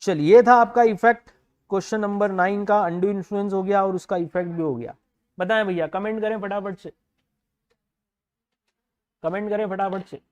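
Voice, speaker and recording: Indian male law teacher with a high voice, live online class, code-switches and dictates slowly. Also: fairly even intonation. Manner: slowly dictates English legal text, mixes Hindi and English; reads student comments aloud and answers them.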